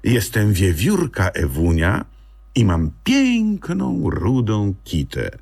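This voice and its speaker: A man voicing a bored, cheeky young female squirrel in a children's audiobook, with shrill, teasing exclamations. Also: wildly swooping pitch, takes it slowly, gravelly, a little mellow, breathy edge, full character voice. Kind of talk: audiobook character voice.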